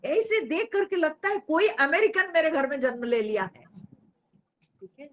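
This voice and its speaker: A woman's voice: high-pitched, big pitch swings, moderate pace, fairly bright tone. A woman teaching in a spiritual discourse, explaining patiently, asking rhetorical questions and dropping in English phrases.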